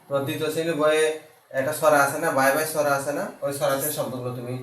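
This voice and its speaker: A male teacher giving a basic grammar lesson to a child, speaking slowly and patiently and spelling words out letter by letter. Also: fairly high pitch, fairly even intonation, fairly bright tone. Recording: echoey room, voice from far off.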